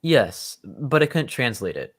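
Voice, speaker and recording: In an old-time radio drama, a man plays the detective's polite, earnest and loyal gentleman friend, speaking with formal courtesy in a curious, friendly mood. His husky, medium-pitched voice swings widely in pitch and keeps a measured pace.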